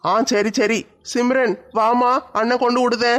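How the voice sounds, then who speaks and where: Woman putting on a low, flat big-brother voice. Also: unhurried, close to an everyday voice. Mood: concerned. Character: kindly helpful elder-brother man.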